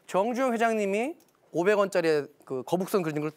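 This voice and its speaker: A man's voice: high voice, lively intonation, a little fast. A man giving a televised lecture on parenting, telling stories animatedly and acting out quoted dialogue.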